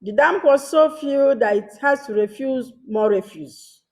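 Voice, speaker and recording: Woman teacher going thru grammar examples real slow, kinda high voice, short careful phrases. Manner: reads each example sentence twice, pausing between short phrases. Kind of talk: slow deliberate grammar lesson.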